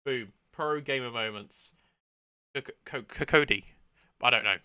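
A man's voice: medium pitch, a little slow, pushed and bright, clean tone, no room sound, studio quality. A man streaming a train driving game, chatting casually and upbeat, throwing in sound-effect exclamations while he greets chat. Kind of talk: casual gameplay commentary.

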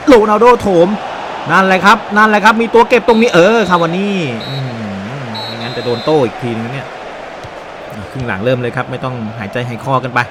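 A man giving excited, animated play-by-play commentary on a football video game, with frequent exclamations and a Thai accent. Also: medium pitch, a little fast, background noise. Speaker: gaming YouTuber.

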